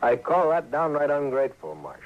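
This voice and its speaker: Clegg Rawlins, sly drawling crooked sheriff. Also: male voice, on the high side, sing-song, a little fast. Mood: oily, persuasive. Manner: folksy, slyly threatening. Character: corrupt, smooth-talking, menacing frontier sheriff. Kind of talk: old-time radio western acting. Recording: dull, hissy old radio recording.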